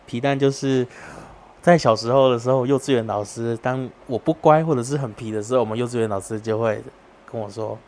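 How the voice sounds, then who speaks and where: A low, distant storytelling voice with a Taiwanese Mandarin accent, as a woman lowers her own voice. It sounds set apart from her usual talk as she recalls a memory from childhood. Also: fairly quick, mellow. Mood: recalling.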